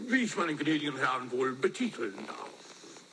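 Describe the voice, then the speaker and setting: A pompous, hurried male majordomo, put on by a man in shifting accents. The voice sits high and swings widely. Hiss and noise run under the old archival recording. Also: big pitch swings, bright, forceful tone, heavily acted, low-quality recording. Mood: clipped. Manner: reads the same lines in shifting put-on accents.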